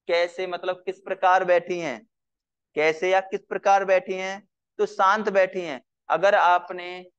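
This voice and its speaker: Man dictating a grammar lesson slowly. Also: on the high side, clean tone. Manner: repeats phrases slowly for dictation. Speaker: teacher.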